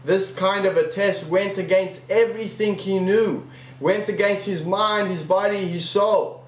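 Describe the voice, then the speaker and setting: A man giving a weekly sermon message as a rabbi, telling stories earnestly with emphatic pauses. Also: sits high, fairly even intonation. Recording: echoey room, mic far off.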